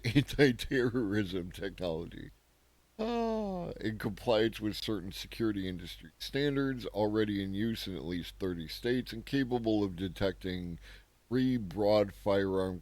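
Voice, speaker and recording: A man's voice: on the low side, a little mellow, no echo. A man hosting a daily news commentary show, talking casually and sarcastically, thinking aloud and often tagging his points with a questioning "right?".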